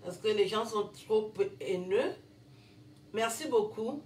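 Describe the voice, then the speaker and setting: A woman talks slowly and casually in an unboxing vlog, breaking into frequent exclamations and repeated thanks. Her voice sits back from the mic, and a roomy echo hangs around it. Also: medium pitch, expressive, darkish tone, far from the mic, a little hiss or hum. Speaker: vlogger and comedian.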